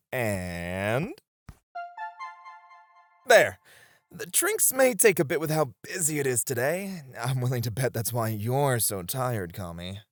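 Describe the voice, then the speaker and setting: In an ASMR roleplay, a man with a mid-range, fairly bright voice plays a friendly bartender who flirts playfully. He gets flustered easily and tends to stammer.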